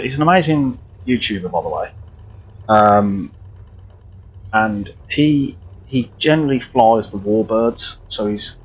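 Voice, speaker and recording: A man's voice: medium pitch, husky, highs cut off. A man chatting casually and rambling through live flight sim commentary, often restarting his sentences. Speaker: streamer.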